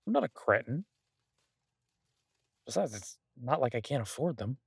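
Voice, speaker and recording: In an intimate audio roleplay, a man voices a restless mafia boss stuck baking in a safe house and doting on the person he's talking to, sounding mock offended. He speaks conversationally with playful exasperation and a swearing gangster swagger, in a full character voice. His medium pitch is gravelly, slightly rough and very animated at a moderate pace, recorded very dry with no echo or room sound.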